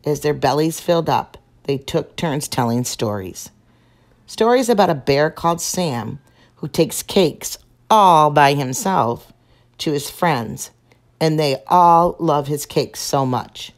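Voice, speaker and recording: In a gentle, expressive voice that is low for a woman, a storyteller reads a picture book to children. She keeps an unhurried pace.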